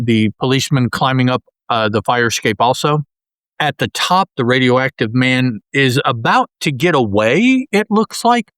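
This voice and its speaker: A podcast co-host with a medium-pitched, slightly bright voice describes comic panels in casual comic-book chat, rambling and restarting often. The recording has no room sound.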